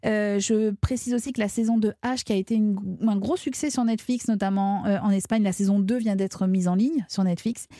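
A woman's voice: mid-range voice, fairly quick, few pauses, dry recording, clean studio sound. A woman hosting a radio show about TV series, asking her guest questions and recommending shows. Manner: lively, guides guest with questions.

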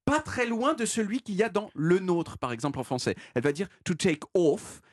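A man's voice: sits high, very animated, a little fast, no room sound. A man giving a playful, self-mocking radio segment into a studio mic, explaining things. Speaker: radio columnist.

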